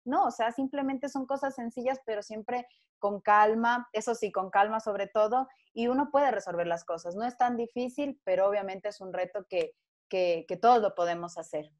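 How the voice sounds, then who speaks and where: A woman's voice: medium pitch, moderate pace, darkish tone. A woman from Ecuador, a guest on a panel talk, speaking earnestly and telling a story with frequent restarts.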